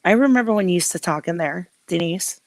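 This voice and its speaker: Low gravelly-voiced woman. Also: animated, brisk, no room sound. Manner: laughs easily, greets viewers by name. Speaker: co-host. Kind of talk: casual chat on a live stream.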